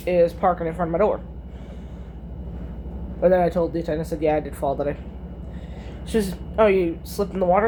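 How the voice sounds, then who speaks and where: A middle-aged woman with a fairly low, darkish voice casually retells a dispute, blunt and swearing freely. She quotes every exchange with plenty of "I said, she goes," over slight background noise.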